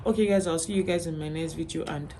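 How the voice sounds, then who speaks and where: Earnest Nigerian woman vlogger, lowish voice. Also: steady tone, fast talker, dark tone, a little hiss or hum. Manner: earnest, pleading, keeps checking in with "okay?". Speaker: vlogger and mother. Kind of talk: personal vlog to camera.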